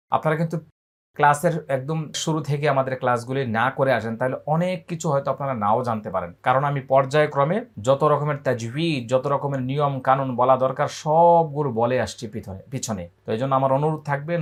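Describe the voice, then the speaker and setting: A man from Bangladesh teaching Quran reading, spelling syllables aloud and then chanting verses in a high, drawn-out recitation. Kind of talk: letter-by-letter Quran recitation lesson.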